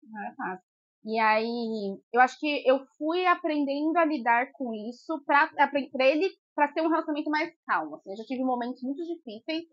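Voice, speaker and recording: A woman's voice: normal speed, no echo, highs cut off. A woman in her thirties co-hosting a podcast in casual chat, telling stories animatedly and acting out what people said. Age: 30s. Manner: animated storytelling, acts out quotes with rising pitch. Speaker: podcast co-host.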